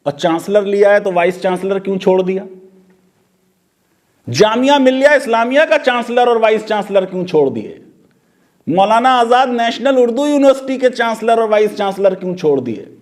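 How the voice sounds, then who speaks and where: Male legal commentator, high-pitched, sarcastic and full of rhetorical questions. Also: lively intonation, normal speed.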